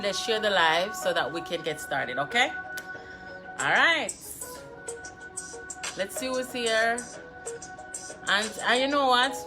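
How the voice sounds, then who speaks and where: A Jamaican woman hosting a casual live political discussion on her phone, chatting and greeting viewers by name, slipping into patois. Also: mid-range voice. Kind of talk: casual live-stream chat.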